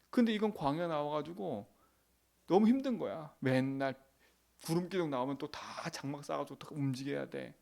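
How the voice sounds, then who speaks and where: A man's voice: fairly high pitch, gravelly, a little mellow. A middle-aged male pastor giving an emphatic, colloquial dawn prayer sermon, repeating phrases and asking the congregation for agreement.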